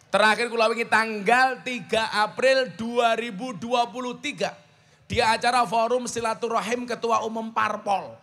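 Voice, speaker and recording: Javanese-accented male preacher, middle-aged, sermon with rhetorical questions, bright tone. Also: sits high. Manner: emphatic, rhetorical questions, mixes in Javanese asides. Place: outdoor religious gathering.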